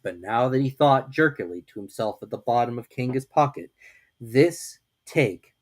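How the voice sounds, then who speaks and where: A man narrating a dramatic storybook reading with expressive, lively storytelling. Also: mid-range voice, a little fast.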